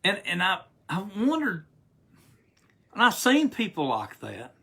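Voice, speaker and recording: A man's voice: sits high, huge pitch swings, unhurried, bright, forceful tone, husky. A man who has preached for many years, giving a rambling, earnest devotional talk with lots of restarts and reading scripture aloud. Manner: earnest and emotional. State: recovering after hospital stay.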